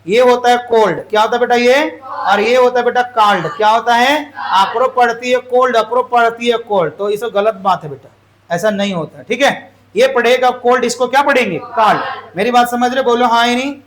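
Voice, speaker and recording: High-voiced teacher quizzing his class. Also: brisk, a bit bright, a little hiss or hum. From Jharkhand, India. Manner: calls out questions and has the class repeat answers. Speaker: English teacher. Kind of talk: classroom grammar lesson.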